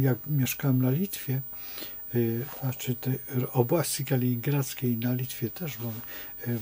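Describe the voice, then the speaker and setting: A man's voice: medium pitch, mellow, a little hiss or hum. A man speaking as an astrologer in an unscripted monologue, rambling and digressive as he tells stories.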